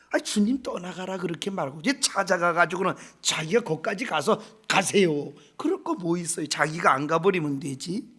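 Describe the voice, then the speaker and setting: A male pastor preaching a revival sermon, dropping to hushed whispers and rising to loud emphatic peaks. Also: a little high, creaky, husky. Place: church sanctuary.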